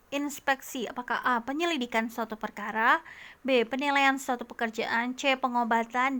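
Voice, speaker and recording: Woman, test prep tutor, patient, methodical, slightly high-pitched, frequent tag questions. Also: a bit bright. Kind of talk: explaining vocabulary quiz answers.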